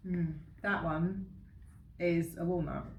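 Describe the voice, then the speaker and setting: Chatty woman, low voice. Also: steady tone, slow, lo-fi sound. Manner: chatty and enthusiastic, laughs often. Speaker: co-host. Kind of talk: casual chat. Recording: roomy with faint background noise.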